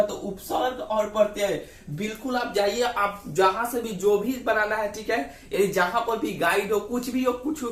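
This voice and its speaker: Man, teacher, high voice, distant mic in a roomy space. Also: fairly bright tone. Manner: repeats "ठीक है" and rhetorical questions, drawls words out slowly. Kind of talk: explaining grammar lesson.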